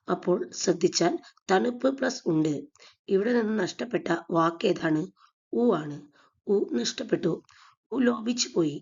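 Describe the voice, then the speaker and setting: A woman teaching a grammar lesson for exam preparation. She speaks slowly and deliberately, in a slightly low, gravelly, husky voice, and repeats each example. The recording sounds dull and lo-fi. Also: a little mellow.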